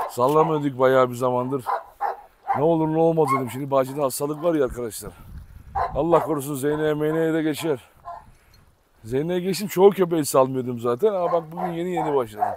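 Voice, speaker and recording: Man vlogger, slightly high voice, tired and frank, dogs barking behind. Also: a little fast, noisy background. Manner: weary, frank, speaks straight to viewers. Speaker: vlogger and dog keeper. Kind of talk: casual vlog talk to viewers. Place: outdoor yard with many dogs.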